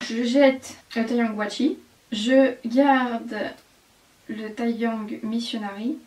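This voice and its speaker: A woman's voice: fairly high pitch, fairly even intonation, drawn-out words, a little mellow. A woman chatting casually with her best friend in a teasing, playful way. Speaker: host's best friend, guest. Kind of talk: casual chat. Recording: roomy and distant from the mic.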